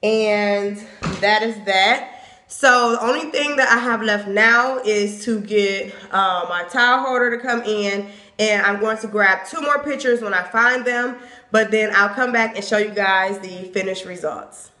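A woman's voice: medium pitch, measured pace, sharp tone. A young woman filming herself on a phone in her bathroom, chatting casually as she shows items and their prices. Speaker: home decor vlogger. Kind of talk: casual haul and home tour. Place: small home bathroom, indoors. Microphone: phone camera at arm's length. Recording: echoey bathroom.

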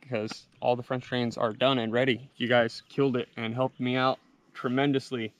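A man's voice: medium pitch, level tone, normal speed. A man in his thirties co-hosting a casual outdoor vlog, enthusiastic and easygoing, filmed on a handheld camera. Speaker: vlog co-host. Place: outdoors at a rural building site.

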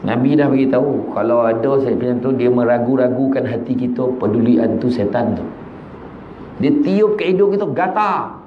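A man with a northern Malaysian accent giving a lively religious talk, acting out stories and joking with his listeners. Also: moderate pace. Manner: swings pitch widely, acts out characters, jokes. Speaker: preacher. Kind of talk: animated religious talk with storytelling. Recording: echoey room, slightly dull sound, faint noise.

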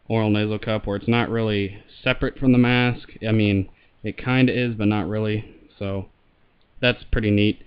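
A man with a fairly low, very clear voice walks through a piece of gear in a casual review style. The sound is slightly dull and lo-fi. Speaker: gas mask reviewer. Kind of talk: casual hands-on product demonstration.

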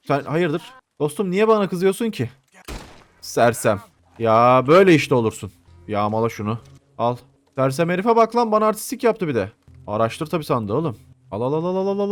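Young male let's-play host, slightly high voice, jokey and profane, chats at the game. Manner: joking, swearing, talks to game characters. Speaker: gameplay commentator.

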